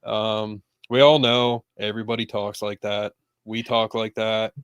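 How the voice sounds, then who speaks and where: A man's voice: lowish voice, level tone, measured pace, a bit bright, clean tone, no room sound, clean studio sound. A man hosting a casual sports podcast, talking loosely with lots of fillers. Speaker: podcast host.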